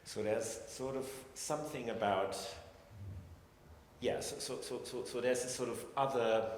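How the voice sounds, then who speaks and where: On a panel in a large, echoey hall, a scientist speaks at a measured pace in a medium-pitched voice, reflective and hesitant with many restarts. Long reverb, faint ambience and a little hiss or hum color the recording.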